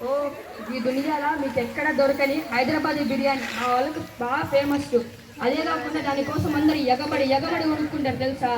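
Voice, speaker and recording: A woman in a comedy skit, boastfully listing dishes with loud exclamations. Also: high voice, steady tone, fairly quick. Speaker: skit performer. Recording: echoey, far from mic, loud crowd and noise.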